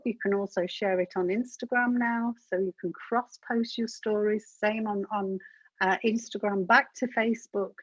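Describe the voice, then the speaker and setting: Her voice sits on the high side, with no room sound in the recording. She is a webinar presenter giving an instructional business talk, casual and hands-on, aimed straight at her viewers over dull, dry audio.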